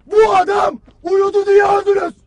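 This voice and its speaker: A stern army commander who berates his soldiers, his voice pitched very high and harsh. He barks cutting orders and shouts. The sound is completely dry and close. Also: completely flat delivery, moderate pace, dry recording, a faint crowd. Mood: bitter. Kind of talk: film drama acting.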